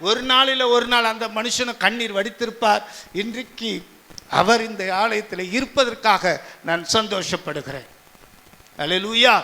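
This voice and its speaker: A male pastor with a Tamil Nadu accent preaching a sermon, firing off rapid rhetorical questions at his congregation. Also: extremely high pitch, sharp tone. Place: church hall. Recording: long church hall reverb.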